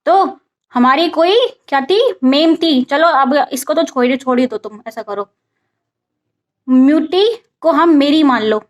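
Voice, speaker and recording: A woman teaches English vocabulary in a casual spoken lesson, mixing English words into her Hindi explanations and asking and answering her own questions. Her voice is high-pitched and a little slow, and the recording's highs are cut off.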